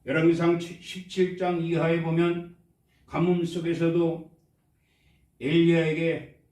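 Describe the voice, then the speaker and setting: A man's voice: fairly high pitch, level tone, slow, darkish tone. A man preaching a Sunday sermon as pastor, drawing responses from his congregation. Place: church sanctuary. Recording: echoey church hall, mic at a distance.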